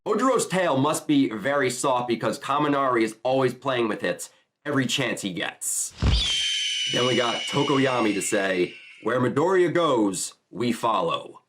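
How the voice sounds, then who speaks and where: A man's voice: mid-range voice, animated, normal speed, a bit bright, slight background noise. A man making an enthusiastic, chatty reaction commentary on a manga chapter.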